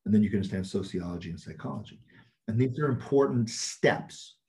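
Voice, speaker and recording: A man's voice: on the low side, a little fast, vocal fry, warm tone. A man talking bluntly and emphatically as an interview guest, laughing often as he makes his points. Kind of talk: casual chat.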